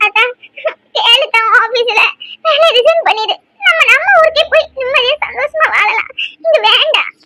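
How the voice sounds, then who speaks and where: A woman's voice: very high voice, expressive, fast talker, pushed and bright, a little hiss or hum, heavily acted. A woman voicing a frightened young wife in a cartoon, pleading and scolding by turns. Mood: fearful. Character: frightened young wife, tearful and sharp-tongued. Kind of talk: cartoon voice acting.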